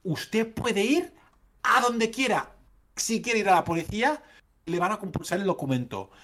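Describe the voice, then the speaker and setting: Guy doing a snooty lady clerk, high voice, bossy and condescending, keeps insisting. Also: animated, normal speed, fairly bright tone. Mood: scolding. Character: haughty female university clerk, lecturing.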